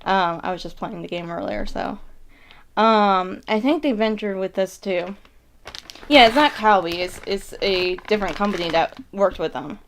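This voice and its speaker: A woman's voice: mid-range voice, normal speed, slight background noise. A woman hosting a casual snack-tasting vlog, rambling as she thinks aloud and corrects herself mid-thought. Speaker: mukbang host reviewing snacks. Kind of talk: casual vlog chat to viewers.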